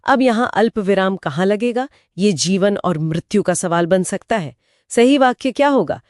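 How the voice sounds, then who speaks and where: A woman with a mid-pitched voice explains with examples on a podcast, and her pitch moves a lot. She often chimes in with short agreements. The recording is dry and close. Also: lively intonation, moderate pace, darkish tone, no echo. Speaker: podcast co-host.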